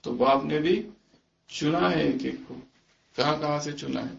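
A man's voice: on the high side, vocal fry. A man giving a religious discourse to a gathering, asking many rhetorical questions and slipping in English phrases. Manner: slips quoted English phrases into his talk. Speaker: spiritual teacher. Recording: echoey, muffled room recording.

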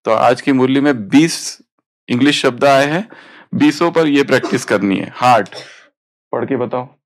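A man's voice: medium pitch, moderate pace. A man teaching a spiritual study class, explaining points and prompting students to read aloud.

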